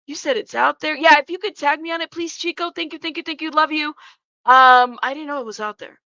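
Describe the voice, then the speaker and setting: Her voice is high-pitched, bright and forceful, captured dry on dull audio. She's hosting a livestream while congested, giving casual live commentary to viewers in an informal, blunt way, cursing a lot and addressing chat directly.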